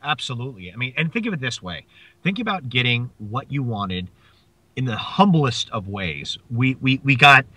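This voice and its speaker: A young adult man, a podcast guest, chatting playfully and quick with jokes. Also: mid-range voice, big pitch swings, bright, forceful tone. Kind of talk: joking podcast chat.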